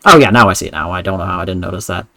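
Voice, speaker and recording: A man's voice: deep voice, rapid-fire, pushed and bright, dry recording. A man chatting casually as he plays through a game and reads its dialogue aloud. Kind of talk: casual game playthrough chat.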